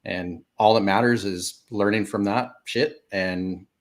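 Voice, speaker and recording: A hoarse man hosting a podcast, plainspoken and encouraging, often clearing his throat. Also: fairly low pitch, fairly even intonation, unhurried. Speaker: podcast host. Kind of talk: casual conversational interview.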